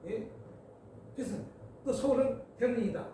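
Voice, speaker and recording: A man's voice: extremely high pitch, moderate pace, warm tone. A man preaching as a pastor, playful and chatty, coaxing his congregation along. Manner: playful, coaxes the congregation to repeat after him. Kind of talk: sermon at a prayer meeting. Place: church sanctuary. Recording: echoey church hall, distant mic, background noise.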